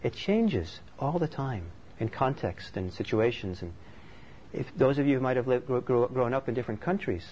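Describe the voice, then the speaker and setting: Here a man from Norway, teaching meditation, offers a thoughtful, conversational dharma talk at normal speed. His medium-pitched voice is expressive with a darkish tone, and the slightly dull recording carries faint background noise.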